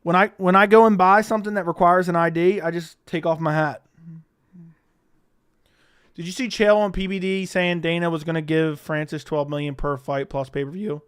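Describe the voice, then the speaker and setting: Young male streamer, slightly high and very clean voice, casual, profane, rambling chat host. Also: fairly even intonation, normal speed, a bit bright, smooth. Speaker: livestream host.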